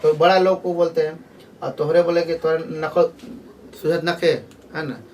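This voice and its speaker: A man's voice: fairly high pitch, level tone, normal speed, a little mellow, slight background noise. A man explaining a grammar lesson in a loose, repetitive way, full of fillers and restarts, recorded from a distance with faint outdoor sound behind. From Jharkhand. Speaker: teacher. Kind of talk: casual spoken grammar lesson.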